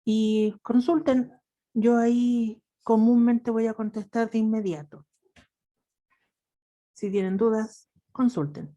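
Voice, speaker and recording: A woman's voice: a little high, takes it slowly, long pauses, dark tone, highs cut off. A woman with a Chilean accent teaching a math class over a video call, patient and affectionate with her students. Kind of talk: online class lecture.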